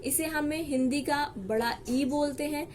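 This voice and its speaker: A woman teaching shorthand in a slow, explanatory lesson, repeating each example word. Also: high voice, a little mellow, a little hiss or hum. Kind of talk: step-by-step lesson.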